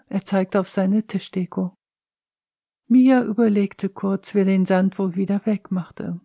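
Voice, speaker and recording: Slow, husky woman reading aloud. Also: medium pitch, mellow, no echo. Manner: measured, unhurried reading. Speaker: author reading her novel. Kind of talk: audiobook narration.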